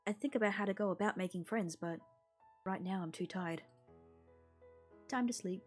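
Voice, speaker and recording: A woman with a mid-range, slightly breathy voice streams a visual novel at a moderate pace, reading the game text aloud with expression and tossing in casual, offhand remarks. Game music plays behind her throughout the recording.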